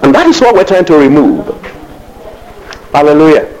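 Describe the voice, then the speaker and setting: Lively preacher man. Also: fairly high pitch, normal speed, poor audio. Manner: call-and-response preaching, frequent hallelujahs; asks the congregation questions. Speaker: pastor. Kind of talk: sermon.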